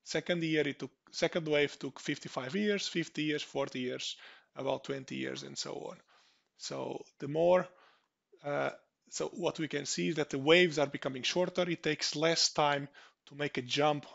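Portuguese-accented man with a gravelly voice. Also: a little high, a bit bright, highs cut off. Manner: hesitant, many restarts and fillers. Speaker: conference speaker. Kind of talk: online conference presentation.

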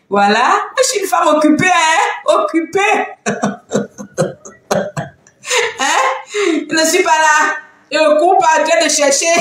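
A woman hosting a casual live stream from home, talking in an animated, teasing way and laughing often. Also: on the high side. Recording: very echoey room, faint background noise.

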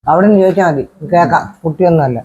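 A man's voice: fairly high pitch, rapid-fire, a little mellow, dull audio, close to an everyday voice. A man playing a fretful older mother. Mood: exasperated. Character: older mother, a thrifty pensioner who worries over money. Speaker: mother in a family skit. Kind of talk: comic family skit acting.

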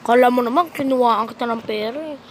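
Playful high-voiced woman gaming. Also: fast. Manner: playful, teasing, bursts of shouting and laughter. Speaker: gaming vlogger. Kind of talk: casual mobile game commentary. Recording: noisy background.

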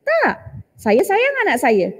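A middle-aged woman teaching a religious lecture to women, telling stories in an animated way and dropping in English phrases. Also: extremely high pitch, slow, in a large hall.

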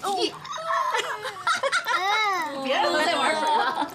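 A woman's voice: high-pitched, over a noisy crowd, very noisy. An actress playing an older grandmother who nags and scolds, then fusses over her small grandson. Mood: doting. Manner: brisk and nagging, soothing toward the child. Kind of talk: TV drama acting.

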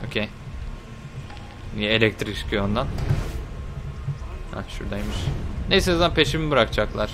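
A young man giving casual, chatty commentary while playing a video game, talking to the game and swearing lightly with sudden excited outbursts. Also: lowish voice, moderate pace, pauses often, over music. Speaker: gameplay video host. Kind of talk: casual let's-play commentary.

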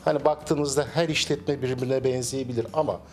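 A middle-aged man, a cafe owner, answering interview questions at a measured pace with frequent hesitation fillers, recorded on a handheld mic in a small cafe. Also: medium pitch, steady tone, a little mellow. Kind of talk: business interview.

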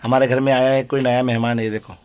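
A man's voice: mid-range voice, flat delivery, fast, a little mellow, a little hiss or hum. Male vlogger, chatty home-video host, coaxing manner. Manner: chatty, coaxing a pet cat. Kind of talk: casual family vlog chat.

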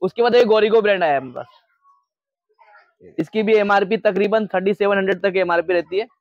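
A man selling shoes in an indoor shop, talking quickly and joking as he pitches prices into a lapel mic. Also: no echo, lo-fi sound. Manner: fast, joking salesman talk. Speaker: shop owner showing shoes. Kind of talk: lively sales pitch.

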